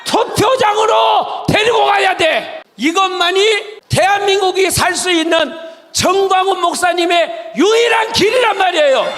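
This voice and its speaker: A man from the Jeolla region giving a fiery political speech to a crowd, shouting and firing rhetorical questions at the audience. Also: very high-pitched, unhurried. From Jeolla region, South Korea. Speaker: rally speaker. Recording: reverberant hall with faint crowd.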